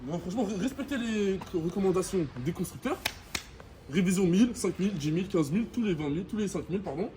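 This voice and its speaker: Animated and quick, a young man with a high-sitting voice gives a casual to-camera review in French suburban street slang, vlogger fashion. Background noise is easy to hear.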